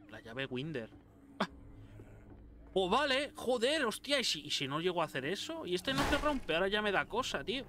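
A man from Spain talking through a zombie game, excitable and cursing freely as he jokes about what he finds. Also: high voice, fairly quick, background noise. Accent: Spain Spanish. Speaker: gameplay commentator. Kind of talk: casual let's-play commentary.

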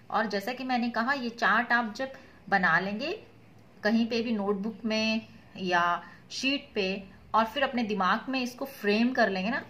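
A woman teacher with a fairly high voice works through a grammar lesson at an unhurried pace. She explains patiently and spells words out letter by letter. She talks in Hindi mixed with English. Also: fairly bright tone.

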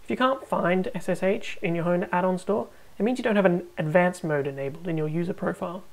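A woman hosting a tech tutorial, narrating a screen recording with calm, step-by-step instructions. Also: lowish voice, a little fast, rough recording.

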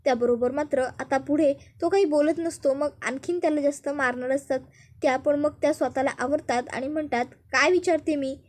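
A woman narrating a steady storytelling recap of a TV serial episode. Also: high-pitched, brisk. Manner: steady, explanatory retelling.

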